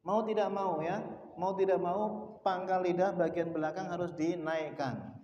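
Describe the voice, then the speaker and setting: A man's voice: high voice, fairly even intonation, normal speed, darkish tone. Indonesian male recitation teacher, patient drilling, dull far-off recording with faint background noise. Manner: patient, drills sounds aloud for students to repeat. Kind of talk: mosque class lesson. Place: mosque hall. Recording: echoey mosque hall, distant dull sound.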